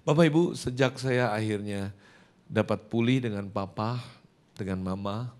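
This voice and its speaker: A man's voice: lowish voice, a little slow, a little mellow. A male pastor preaching a sermon in a church, telling a personal story, acting out dialogues and speaking directly to the congregation. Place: church service before a congregation.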